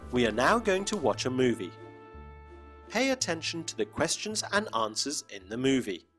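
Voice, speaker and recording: A man hosting an English lesson in clear, teacherly scripted narration, slowing down for examples. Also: medium pitch, sing-song, fairly bright tone, soft background music. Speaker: lesson host.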